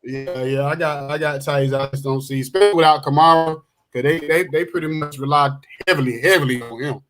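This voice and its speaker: A man's voice: on the high side, fairly even intonation, fast, a bit bright, soft background music, rough recording. A man co-hosting a sports podcast in casual chat, laid-back and repeating himself. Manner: laid-back, repeats phrases, laughs often. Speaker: podcast co-host.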